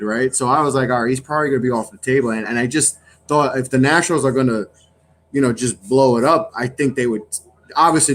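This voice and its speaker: A man's voice: mid-range voice, fairly bright tone, slight background noise. A man who runs a podcast network, chatting casually in a rambling way with many restarts. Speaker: network founder and guest.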